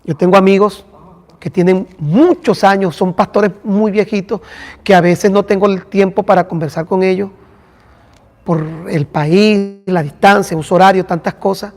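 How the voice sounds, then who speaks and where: A man's voice: high voice, fairly even intonation, moderate pace, a little mellow, long reverb tail. A man, a pastor teaching a church class and talking directly to listeners by name. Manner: addresses listeners by name, conversational.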